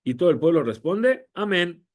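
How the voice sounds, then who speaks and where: A man teaching a Torah lesson. He reads Hebrew lines quickly and translates each one, then explains step by step with short phrases and rhetorical questions. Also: high-pitched, sing-song. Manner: speaks in short phrases, fills with "eh" and "¿sí?". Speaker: rabbi teaching.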